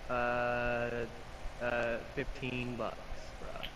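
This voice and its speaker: A man voicing a rude, slangy fast-food worker in an amateur cartoon skit. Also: mid-range voice, completely flat delivery. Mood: casual, hesitant. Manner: flippant, hesitant, slangy. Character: rude, slangy, dim female ice cream shop worker. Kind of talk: amateur animated comedy skit acting. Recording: noisy amateur microphone recording.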